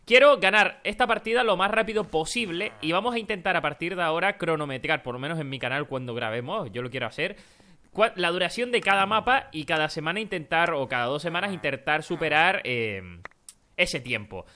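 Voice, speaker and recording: A man hosting a gaming channel, giving casual, excitable commentary while he plays. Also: a little high, a little fast. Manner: excitable, shouts during fights.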